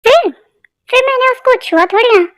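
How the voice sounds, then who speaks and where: A woman voicing a patient, teasing young husband in an amateur fan dub, speaking softly and coaxingly. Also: very high voice, normal speed. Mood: tender teasing.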